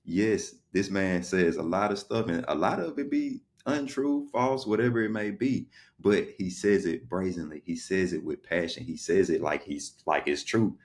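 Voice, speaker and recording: Very deep-voiced man, rambling podcast talk. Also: normal speed, hardly any pauses. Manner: loose, rambling, lots of "you know what I'm saying". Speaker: podcast co-host. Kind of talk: casual chat.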